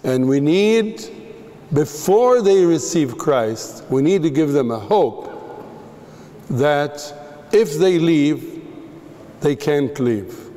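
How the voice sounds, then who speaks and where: A man from the Middle East preaching a sermon in a measured, emphatic way, with pauses between phrases. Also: fairly high pitch, animated, warm tone, long reverb tail.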